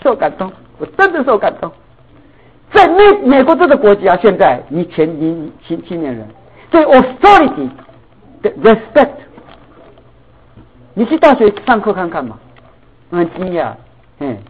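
A middle-aged man preaching a sermon, telling a family story in an animated way and mixing English words into his talk. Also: high voice, moderate pace, long pauses, husky. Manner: animated, acts out dialogue, mixes in English words. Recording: tinny phone-like sound.

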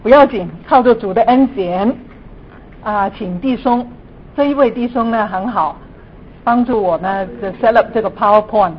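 Woman with Cantonese-accented Mandarin, muffled noisy recording. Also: moderate pace. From Guangdong, China. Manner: frequent sentence particles, mixes in English terms. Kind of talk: church teaching lecture. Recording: dull lo-fi room recording, audible noise, rumble.

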